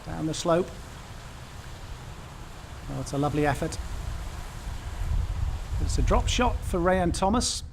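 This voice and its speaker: A man giving golf commentary for television in measured, short, understated phrases. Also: a little high, animated, vocal fry, a little hiss or hum.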